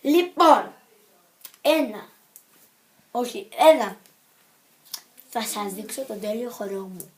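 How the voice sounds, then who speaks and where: A woman vlogs casually to the camera in a fairly high, slightly mellow voice with lively intonation and long pauses. Scattered and silly, she rambles from one topic to the next and keeps correcting herself.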